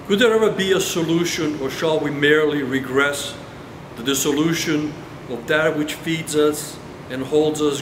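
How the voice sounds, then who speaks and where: Slow-reading poet in an echoey hall. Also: male voice, fairly high pitch. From Brazil. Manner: slow, measured recital. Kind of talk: poetry reading. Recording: echoey hall with air-conditioning hum.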